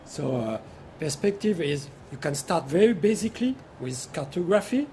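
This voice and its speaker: A man speaking as a guest on a conference panel, halting often as he searches for words. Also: a little high, sing-song, mellow, slight background noise. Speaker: panel guest, company executive. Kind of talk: panel discussion. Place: conference exhibition stand.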